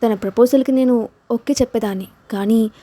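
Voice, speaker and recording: A woman's voice: on the high side, steady tone, fairly quick, dark tone, natural voice. A woman reading the lines of a feisty, teasing young woman in an audio story. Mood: defiant. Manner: defiant, playful.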